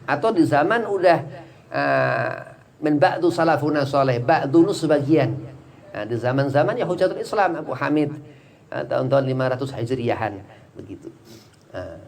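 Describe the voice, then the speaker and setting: A man's voice: medium pitch, animated, moderate pace, vocal fry. A man teaching a religious study class, explaining in a chatty, digressive way with many small fillers.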